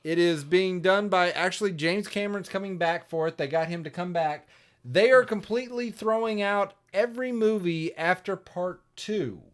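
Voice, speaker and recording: A man co-hosting a podcast in casual chat, jokey, with quick bursts of enthusiasm. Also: high-pitched. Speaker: podcast co-host and voice actor.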